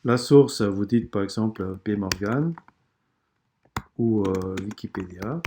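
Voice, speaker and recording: Man with an accent explaining software. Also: lowish voice, slow, a little hiss or hum. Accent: non-native or regional French accent. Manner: explanatory, hesitant, many fillers and restarts. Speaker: software tutorial presenter. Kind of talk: screen-recorded software tutorial.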